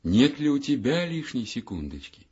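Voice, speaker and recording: A man voicing a gentle, soothing mother figure in a children's fairy tale. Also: mid-range voice, sing-song, moderate pace, husky, pitched above the performer's own voice. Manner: soft, soothing, sighing. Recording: dull lo-fi audiobook recording.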